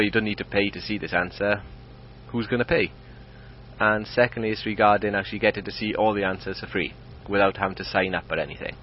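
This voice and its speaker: A man from Swansea with a Welsh accent, speaking an informal recorded message as a listener. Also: on the low side. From Swansea, Wales. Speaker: listener leaving a recorded comment. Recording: muffled lo-fi audio with faint noise.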